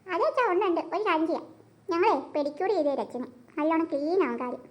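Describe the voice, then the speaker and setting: A woman's voice: extremely high pitch, animated, fast talker. A woman voicing a young cartoon schoolgirl who pleads and whines to her parents. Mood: coaxing. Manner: pleading, whining. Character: young schoolgirl, the younger daughter, eager and whiny.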